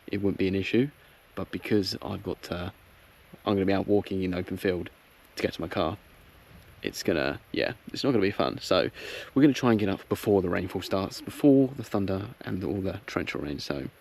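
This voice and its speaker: A man talking casually and a little haltingly to his viewers in a relaxed, understated camping vlog, recorded outdoors in woodland. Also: fairly low pitch. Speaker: vlogger. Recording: clearly noisy outdoor ambience.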